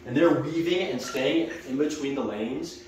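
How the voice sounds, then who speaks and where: A young man telling his companion's story of the night in a relaxed, casual way. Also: mid-range voice, normal speed. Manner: relaxed, recounting events. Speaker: missionary companion. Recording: distant, echoey, noisy phone audio.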